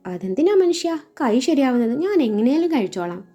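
A woman's voice: fairly high pitch, sing-song, mellow. A woman doing a sassy, naive young wife. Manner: quick, sassy, innocent. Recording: slightly dull audio, faint music.

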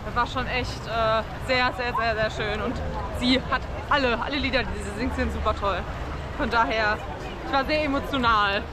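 A young woman with a high voice gushes and rambles on camera, full of fillers. She is outdoors, and a busy crowd and traffic noise surround her. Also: steady tone, moderate pace. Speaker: friend of the vlogger. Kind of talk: casual chat on camera.

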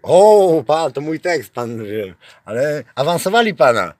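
Filming on a handheld camera at night outside a police station, a man mockingly banters with an officer, teasing and theatrical, calling out names in drawn-out shouts. His voice is medium-pitched with big swings, and the recording is dry.

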